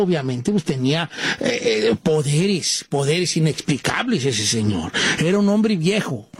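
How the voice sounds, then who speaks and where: A man tells a fable and then its moral. His voice sits high for a man, and his telling is lively and animated, with frequent restarts. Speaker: storyteller.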